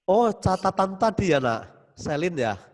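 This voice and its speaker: A man's voice: high voice, big pitch swings, measured pace. A male religion teacher giving an online class to young pupils over a video call, patient and soothing, dictating and repeating "ya" often. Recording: roomy, long reverb.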